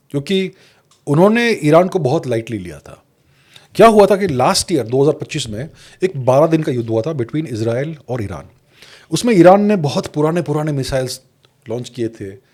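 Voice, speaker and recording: Indian man, podcast guest analyst, mellow and warm, measured delivery, Hindi-English mix. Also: mid-range voice. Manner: measured, mixes Hindi with English phrases, restarts words. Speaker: guest geopolitics commentator.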